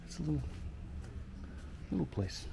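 A man giving casual walking commentary outdoors on old streets, musing slowly with soft exclamations. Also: a little high, gravelly. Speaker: vlogger walking tour guide. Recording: outdoor street noise behind.

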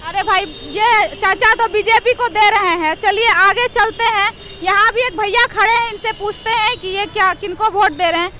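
A woman with a very high voice reports from a busy street crossing. She chats easily and nudges passersby with question after question. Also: moderate pace, hardly any pauses, crowd noise. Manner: chatty, coaxing questions to passersby. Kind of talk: street vox pop reporting.

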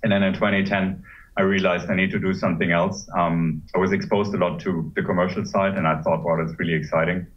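Deep-voiced with little pitch variation, a man in his forties from Germany, a pharmaceutical executive, pauses often as he considers his answers in a video-call interview. He's in a home room with a high ceiling, and the laptop's webcam microphone leaves the audio muffled and far-off.

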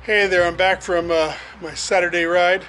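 A man's voice: high-pitched, fairly even intonation, moderate pace, bright, forceful tone, faint music behind, low-quality recording. A man in his fifties chatting casually and hesitantly to a handheld camera as a fitness vlogger. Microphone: handheld action camera at arm's length.

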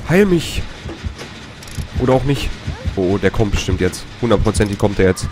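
A man's voice: lowish voice, big pitch swings, moderate pace. A man commentating his own horror game run, swearing often, switching from nervous muttering to panicky outbursts. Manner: swears a lot, panicky outbursts and whispered hisses. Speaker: let's play gamer. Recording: gameplay with loud music.

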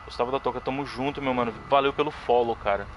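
A young Brazilian streamer speaks fast at medium pitch, with noise behind him and a Brazilian Portuguese accent. In casual live commentary on a horror game, he chats with viewers, thanks his followers, and bursts into excited yelps.

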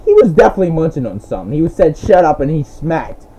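A young man commentating his own online shooter match, with profane, hot-tempered trash talk and bursts of yelling. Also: a little high, very animated, quick pace, rough recording. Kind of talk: live gameplay commentary. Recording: gameplay audio noise under the voice. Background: game sounds, gunfire and vehicles.

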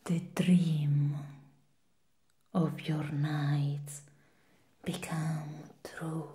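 A woman acts out a seductive she-devil in a whispered role-play. The demonic whisper is very slow, soft and dark, low-pitched and breathy. She coaxes and teases like a temptress luring a human. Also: level tone. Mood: hypnotic coaxing.

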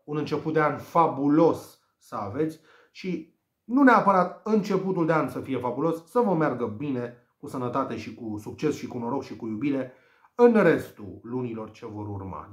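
A man's voice: a little high, reverberant. A man giving betting tips in a solo monologue, theatrical and exclamatory, repeating and spelling out names. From Romania. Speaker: betting tipster.

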